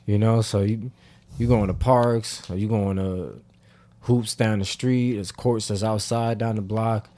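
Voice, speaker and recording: A young man co-hosting a podcast, telling a story in a relaxed, casual way with fillers. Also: fairly low pitch, a little slow. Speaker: podcast co-host. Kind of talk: casual chat.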